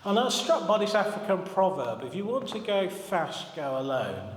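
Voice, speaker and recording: Chatty, higher-voiced man preaching in a hall. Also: very animated, moderate pace, a little hiss or hum. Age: 40s. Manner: chatty, humorous storytelling, asks the congregation questions. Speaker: minister. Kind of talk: sermon. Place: church hall. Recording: echoey hall, long reverb.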